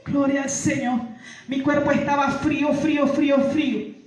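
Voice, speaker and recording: A woman gives a church testimony, her voice ringing through a very reverberant hall. She stands well back from the microphone, so the sound is distant. She keeps repeating her phrases and calling out praise, building into fervent shouts. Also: sits high, flat delivery, normal speed. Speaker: testimony giver. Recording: echoey hall, far from mic.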